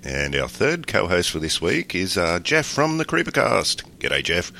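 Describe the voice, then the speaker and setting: Very low male voice, Australian accent, stuffed-up cold, bright edge, casual podcast host, faint rumble. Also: big pitch swings, measured pace, gravelly. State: congested with a cold and sore throat, slightly crackly.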